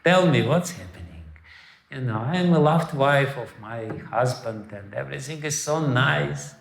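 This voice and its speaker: A man voicing a sweet, contented young queen who speaks softly and soothingly, in an echoey hall. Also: high-pitched, animated, a little slow, pitched above the performer's own voice.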